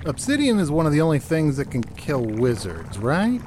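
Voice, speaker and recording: A man's voice: a little high, wildly swooping pitch, moderate pace. A man playing a hapless, sarcastic captive in a fantasy audio comedy, talking in a casual, wry way. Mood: wry, defiant. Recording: clear background noise.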